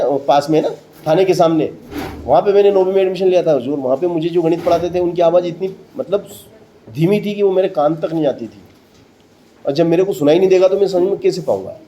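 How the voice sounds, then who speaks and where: A man's voice: fairly high pitch, fast talker, mellow, muffled recording, a little hiss or hum. A man teaching a maths lesson to a classroom of students, repeating each step and quizzing them with questions. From central India.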